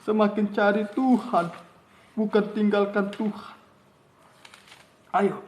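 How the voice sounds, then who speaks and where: A man preaching a sermon with emphatic, repetitive phrasing that swings from loud to soft. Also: sits high. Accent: Indonesian. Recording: echoey room.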